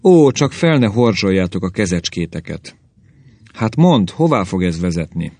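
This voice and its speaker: A man's voice: low-pitched, sing-song, a little mellow, no echo, heavily acted. A man voicing a grumbling old caveman grandfather who rants and complains about the young, in a story reading. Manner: querulous ranting.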